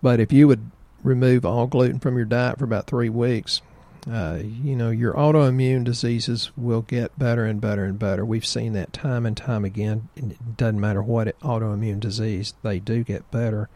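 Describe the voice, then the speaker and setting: A man's voice: mid-range voice, steady tone, normal speed, mellow. A man casually talking about health in a folksy, joking, rambling way. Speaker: health practitioner co-host.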